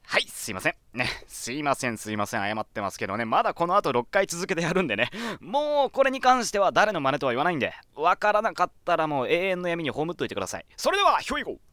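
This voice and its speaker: A man's voice: fairly high pitch, big pitch swings, fast, hardly any pauses, sharp tone, no room sound, clean studio sound. A man presenting his voice sample in casual, apologetic, self-deprecating chat.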